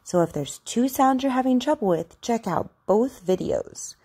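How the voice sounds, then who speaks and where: Female instructor for a speech lesson, animated intonation with a slightly husky tone, addressing learners directly. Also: on the high side, normal speed.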